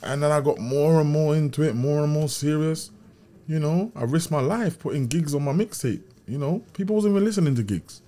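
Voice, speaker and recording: A Brixton man with a South London accent, his voice on the high side, a little fast and mellow. He's a guest in an interview, spinning casual stories full of street slang and regularly making sure the listener follows him.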